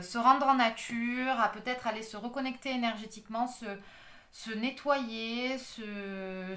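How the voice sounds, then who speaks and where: A woman's voice: on the high side, a bit bright, roomy sound. A woman giving a casual tarot and astrology reading, talking with many hesitations, fillers and restarts. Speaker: tarot card reader.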